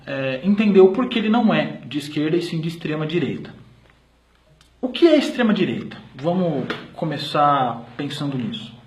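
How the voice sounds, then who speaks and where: A man with a Brazilian accent presenting an explanatory video lecture, hesitating often with filler sounds and restarting phrases. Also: high-pitched. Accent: Brazilian Portuguese. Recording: roomy echo.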